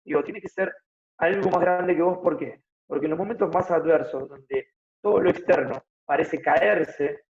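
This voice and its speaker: A man's voice: fairly high pitch, moderate pace, creaky, a little mellow, muffled recording, slight background noise. A man in his thirties with an Argentine accent, explaining his ideas at length as a guest in a casual interview, often adding tag questions. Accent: Argentine Spanish (Buenos Aires). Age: 30s. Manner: explanatory, thinks aloud with frequent tag questions. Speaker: guest, fitness motivator.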